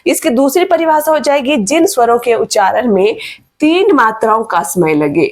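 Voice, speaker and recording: Lady teacher kinda high voice, slow, repeats stuff for notes, online class. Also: expressive. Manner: slow, repeats definitions for dictation. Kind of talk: online grammar lesson.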